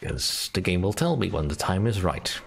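Deep-voiced man doing game commentary. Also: sing-song, normal speed, creaky, breathy edge. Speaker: gamer, let's play host. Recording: faint background noise, clicks.

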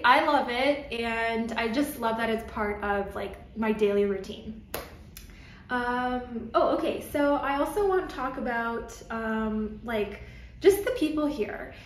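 This Toronto vlogger, a young woman with a Canadian accent, sits on her living-room sofa and chats casually to the camera, gesturing as she talks. Her voice is fairly high and a bit bright, and the room sounds echoey. She's chatty, and her speech is full of "like" and "um."

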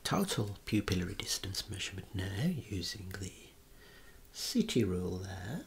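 Low-voiced man whispering softly. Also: sing-song, gravelly, slight background noise. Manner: soft whispering, slow and careful instruction; gentle reassuring praise. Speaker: clinician demonstrating eye and head measurements. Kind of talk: ASMR clinical role-play.

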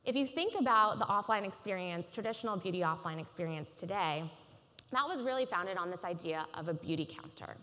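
Woman, thirties, keynote speaker, polished measured delivery, conference stage, long hall reverb. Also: on the low side, animated, bright, forceful tone.

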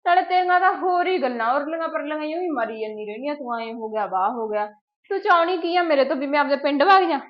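A woman's voice: sits high, fast, close to an everyday voice. A woman with a Punjabi accent playing a stubborn, argumentative young sister in a family drama. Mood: defiant. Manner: argumentative, insistent. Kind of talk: amateur short-film acting. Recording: dull lo-fi sound.

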